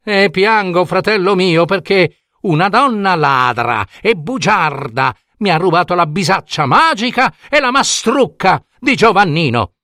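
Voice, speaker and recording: A man's voice: high-pitched, lively intonation, measured pace, few pauses, bright, forceful tone, no room sound, clean studio sound, voice pushed up, exaggerated voice. A man voicing a kind-hearted young peasant boy in a storybook reading, earnest and upset. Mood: tearful.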